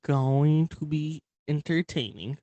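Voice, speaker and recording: A man's voice: on the high side, slow pace, mellow, dry recording, muffled recording. A man co-hosting a podcast, giving short, terse replies in casual chat. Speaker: podcast co-host.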